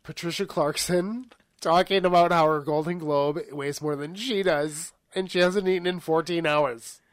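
A man co-hosting a podcast in casual chat, eagerly chiming in with quick remarks. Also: a little high, fairly even intonation, no echo, clean studio sound. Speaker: podcast co-host.

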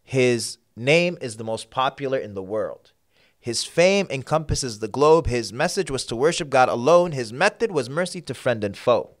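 A man's voice: medium pitch, expressive, moderate pace. A man from Sudan, a podcast guest, delivering a rhythmic rhyming spoken-word poem and chatting casually. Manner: rhythmic, rhyming delivery building to emphatic peaks.

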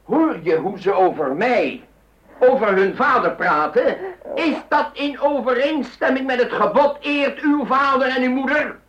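Brief: an unyielding old patriarch, high reedy voice, dull echoey radio-play sound. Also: male voice, lively intonation, a little slow, a bit bright, exaggerated voice. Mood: stern defiant. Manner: stern, unyielding. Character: stern pious old grandfather, stubborn. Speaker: grandfather. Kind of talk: radio drama acting.

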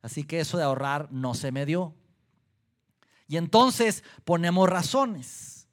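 A man preaching a sermon, acting out everyday excuses in quick, animated voices. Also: fairly high pitch.

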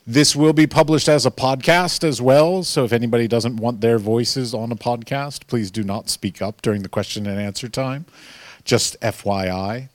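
A man's voice: medium pitch, moderate pace, no echo. An American man with an American accent, informally hosting a live panel discussion as moderator. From United States. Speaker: panel moderator, podcast host.

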